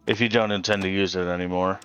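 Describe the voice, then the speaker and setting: Patient low-voiced man explaining a game. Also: fairly even intonation, fast, a bit bright, clear, resonant tone. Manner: explanatory, hesitant with many ums, patient. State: tired, awake since early morning. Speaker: co-host guiding a friend's game. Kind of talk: casual let's play chat.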